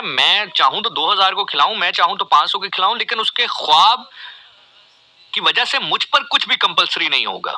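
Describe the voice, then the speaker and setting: A man's voice: sits high, bright, forceful tone, no room sound, rough recording. A man, a radio host giving an earnest, reflective monologue full of pleading rhetorical questions. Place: radio studio.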